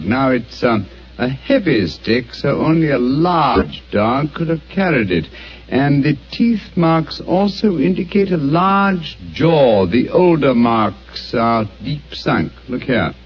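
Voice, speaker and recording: Sharp Sherlock Holmes, animated delivery, deliberate, dull vintage radio sound. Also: male voice, mid-range voice, breathy edge, full character voice. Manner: precise, deliberate deductive explaining. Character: Sherlock Holmes, sharp brilliant male detective. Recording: dull old radio recording, faint hiss.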